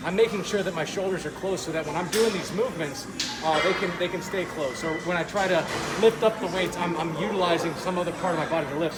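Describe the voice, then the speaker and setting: A man speaking through a face mask, giving casual, halting workout instruction in a gym vlog. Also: high-pitched. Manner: informal, halting, self-correcting explanations. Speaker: fitness video creator, host. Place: indoor gym. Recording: echoey gym, loud music behind. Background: loud music.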